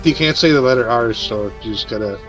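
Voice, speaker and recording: A man's voice: mid-range voice, brisk, a bit bright, soft background music. A man talking casually as a teammate in an online gaming voice chat.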